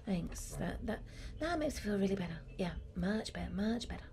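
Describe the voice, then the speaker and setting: A woman voicing a nervous, prickly young woman who talks low, quiet and tense in a comedic gaming role-play. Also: animated, a little fast, vocal fry, slight background noise.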